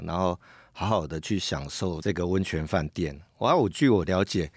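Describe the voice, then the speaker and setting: Low-voiced man hosting a chat. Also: darkish tone, no room sound, clean studio sound. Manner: chatty, leading questions with "ha" tags. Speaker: podcast host, senior journalist. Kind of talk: casual interview chat.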